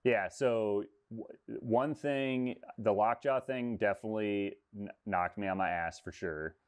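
A man's voice: on the low side, unhurried, clear, resonant tone. A man in his thirties, a fishing guide, talking casually on a video call with lots of fillers. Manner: relaxed, rambling, many fillers. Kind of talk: casual interview talk. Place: room with textured ceiling. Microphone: video call webcam.

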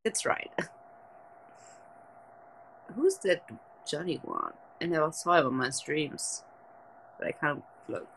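Her voice low, slow, and gravelly with long pauses, a young woman from Germany lies in bed at night hosting a livestream, chatting casually with viewers through a phone held close, in a German accent and a relaxed manner. The rough recording carries a little hiss or hum.

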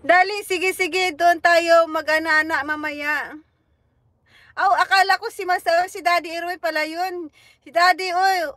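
A woman hosts a casual livestream, teasing her viewers and giggling as she reads out their comments. Her voice sits very high and bright, and she speaks slowly. The sound is dry and close. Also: steady tone, no room sound. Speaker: livestream host.

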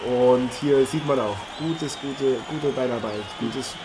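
Over the din of an arena, a man voices a gushing TV boxing presenter in an improvised German audio play. His voice is mid-range and lightly acted, and he takes things slowly, sounding engaged while speaking formally to the viewers.

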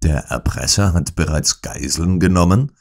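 A man voicing a calm, sharp-minded detective who questions in a composed, unmoved way in an audiobook. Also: low-pitched, moderate pace, creaky. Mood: composed probing. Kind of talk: audiobook character voice.

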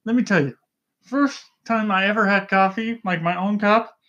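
A man co-hosting a casual podcast, a rambling storyteller who keeps yelling excitedly into the mic and checking in with "okay?". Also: sits high, normal speed, dull audio. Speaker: podcast co-host.

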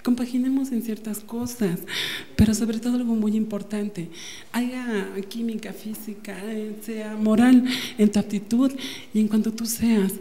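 A Mexican man in his twenties, from Mexico City, giving a comic audition, soft and giggly, holding a handheld mic in an indoor casting room. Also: sits high, fairly even intonation, measured pace. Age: 20s. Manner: soft, sweet and giggly, gushing about tenderness. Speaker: audition candidate.

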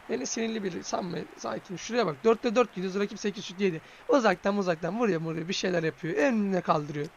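A man streaming a mobile football game, commenting live, excitable and swearing, shouting when goals go in. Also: sits high, lo-fi sound. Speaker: gaming streamer.

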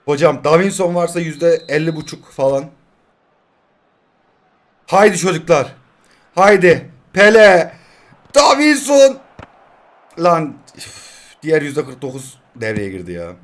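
Excitable young male gamer, loud bursts over his own mobile football match, then quiet grumbling. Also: a little high, unhurried, long pauses. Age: 20s. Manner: excitable, shouts at players, swings between yelling and muttering. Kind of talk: live gameplay commentary.

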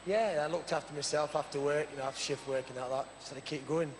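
A man's voice: a little high, fairly even intonation, fast. A man from Doncaster, giving plain, down-to-earth answers as a game show contender. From Doncaster, South Yorkshire. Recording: echoey arena, faint noise.

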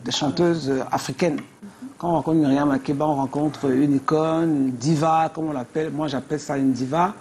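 A middle-aged Cameroonian singer with a deep, low voice and a Cameroonian accent is a guest on a TV talk show, telling lively anecdotes at normal speed. Slight background noise is audible.

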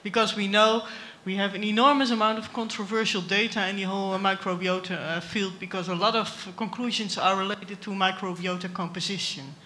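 A man's voice: high voice, fairly even intonation, brisk, few pauses, pushed and bright, slight background noise. A man at a conference, speaking hesitantly and searching for words.

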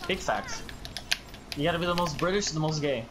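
A man's voice: a little high, animated, fairly quick, noisy background. A man joking playfully with friends while playing a game, talking through a headset mic. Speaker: gamer. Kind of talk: casual gaming chat.

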